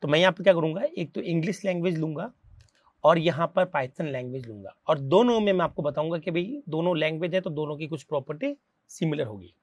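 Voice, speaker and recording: A man with an Indian accent gives a programming tutorial in a chatty classroom manner. He keeps asking questions and answering them in his students' place. His voice sits a bit high for a man, and the recording is dry and close. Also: lively intonation, fairly quick, dry recording. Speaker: programming teacher. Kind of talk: classroom-style tutorial explanation.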